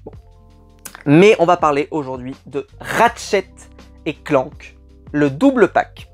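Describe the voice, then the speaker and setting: A YouTube collectibles channel host chats to camera in a casual unboxing, enthusiastic and rambling with many hesitant fillers. His fairly high voice is expressive and slow. Faint music plays behind him.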